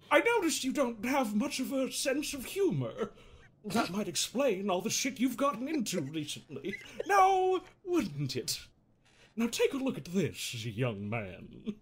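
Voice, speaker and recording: In an improvised comedic game dub, a man plays a quirky, needling therapist in a high-sitting, slightly rough, exaggerated voice. He performs theatrically, with halting pauses and chuckles at his own jokes.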